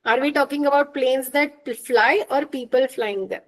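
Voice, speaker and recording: A woman teaching an online exam-prep lecture, explaining with examples and checking understanding with quick questions. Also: high-pitched, a bit bright, poor audio.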